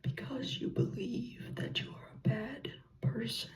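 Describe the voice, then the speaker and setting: A person gives an encouraging, reassuring ASMR pep talk in a soft, breathy whisper, speaking gently in short, paused phrases. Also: medium pitch, fairly even intonation, distant mic. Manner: slow, gentle, pausing between short phrases. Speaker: ASMR content creator.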